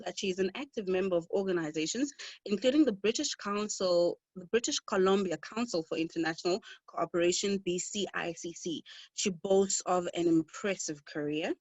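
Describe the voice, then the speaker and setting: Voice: medium pitch, no echo, poor audio. A webinar moderator reading formal panelist introductions, stumbling and restarting now and then.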